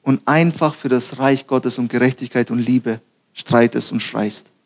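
A young man preaching a sermon, telling animated stories, acting out quotes and laughing at himself. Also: mid-range voice, measured pace.

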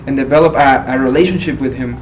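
A man's voice: mid-range voice, fast talker. A young adult man hosting a podcast interview, speaking hesitantly with many fillers. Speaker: podcast host. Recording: distant mic with clear background noise.

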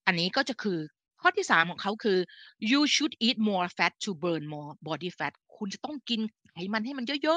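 A woman's voice: mid-range voice, fairly bright tone, dry recording, lo-fi sound. A woman hosting a live health talk in a chatty, older-sister way, often correcting herself mid-sentence. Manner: chatty, with frequent self-corrections and fillers; speaks to listeners as an older sister. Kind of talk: casual explanatory live talk.

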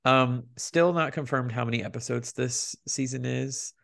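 A man's voice: medium pitch, normal speed, gravelly, fairly bright tone. A man co-hosting a podcast, chatting casually about movie news and box office figures. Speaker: podcast co-host.

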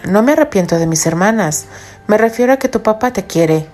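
A woman reading a romance audiobook, voicing a jealous, arrogant young man in a low, clipped, stern tone. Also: animated, fairly quick, a little mellow, faint music behind, close to an everyday voice. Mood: wistful.

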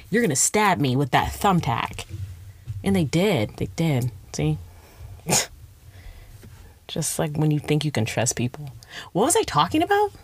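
A young woman with a low voice tells a comic story about herself, rambling into playful tangents and making fun of herself. The recording is dry, with no room sound. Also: breathy edge, no echo. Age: young adult. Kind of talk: comedic storytime monologue.

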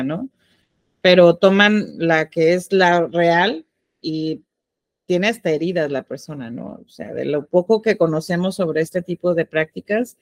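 A young woman with a Mexican Spanish accent co-hosts a casual podcast chat, explaining ideas and putting questions to her partner. Her voice is on the low side; she's inquisitive and laughs easily. The recording is dry.

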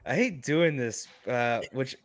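A mid-pitched man talks sports casually as a panelist, recorded dry with no room sound. He is blunt and emphatic about his opinions. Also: lively intonation, slow, no room sound. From New York.

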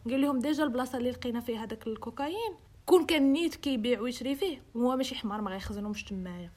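A young woman with a Moroccan accent narrates a true-crime case in relaxed podcast talk. She speaks quickly in a fairly high, slightly husky voice. She mixes in English phrases and voices the people in her story. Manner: code-switches into English, acts out quoted dialogue. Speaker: host.

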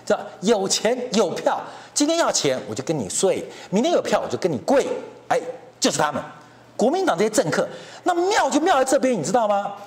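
A middle-aged man rants through political commentary in a mocking, heated tone. His voice sits a little high for a man and swings widely in pitch as he jabs at his targets. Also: wildly swooping pitch, a little fast. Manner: mocking, heated, keeps asking "you know?".

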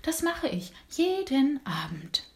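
A woman voicing a slow, easygoing snail in a bedtime storybook, drawing her words out. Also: high-pitched, sing-song, voice pushed up, exaggerated voice. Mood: calm. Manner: slow, drawn-out speech.

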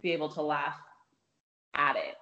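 A woman's voice: low voice, level tone, moderate pace, pushed and bright, lo-fi sound. A woman co-hosting a podcast in casual chat, informal and exclamatory, with easy swearing. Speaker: podcast co-host.

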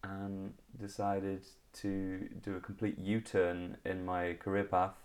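Low, monotone, slow and darkish in tone, this man's voice belongs to a comedian from Liverpool, England, in his thirties. Guesting on an interview with a Liverpool accent, he speaks casually and keeps restarting and saying um.

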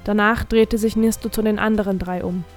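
A woman reading a fantasy story aloud as narrator, in a measured, expressive storytelling manner. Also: medium pitch, faint music behind. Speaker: audiobook narrator. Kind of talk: scripted narration.

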